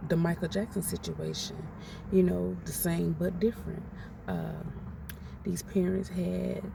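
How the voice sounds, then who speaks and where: A woman's voice: lowish voice, gravelly. A woman, ranting her opinions in a blunt, outspoken, profane way. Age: 40s. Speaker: commentator ranting on a podcast. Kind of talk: casual opinion rant. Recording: noisy, distant from the mic.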